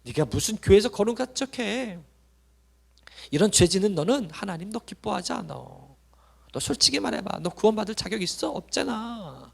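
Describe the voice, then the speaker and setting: A man's voice: high voice, very animated, normal speed, vocal fry, slightly rough, exaggerated voice. A man voicing a taunting male devil who whispers mocking accusations. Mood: sneering. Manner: sneering, mocking, hushed.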